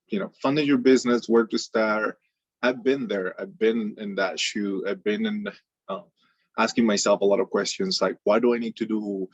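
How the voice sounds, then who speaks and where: A man presents a casual webinar in a low, gravelly, husky voice. He sounds upbeat and friendly, stumbling and repeating words as he goes. The call audio is dull and lo-fi. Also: no room sound. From Venezuela. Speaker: webinar presenter, microloan director. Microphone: video call mic.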